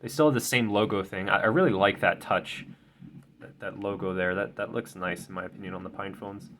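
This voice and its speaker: A young tech video creator, tired and a bit stuffy, unboxes a phone at his desk at home and chats casually. He rambles and corrects himself, with many ums, stumbles and restarts. His voice is low-pitched, slightly nasal, steady, brisk and fairly bright, with a little hiss or hum in the audio.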